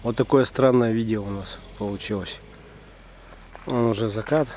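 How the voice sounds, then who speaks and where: A man's voice: fairly low pitch, fairly even intonation, moderate pace, darkish tone, slight background noise. A young man vlogging casually outdoors in a forest at night, joking about his own bad luck with a dry, self-mocking humor. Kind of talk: casual vlog talk to camera.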